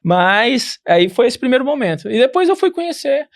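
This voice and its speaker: A man's voice: very high-pitched, very animated, normal speed. A man with a Brazilian Portuguese accent, a podcast guest telling a rambling travel story with many restarts. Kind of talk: casual interview.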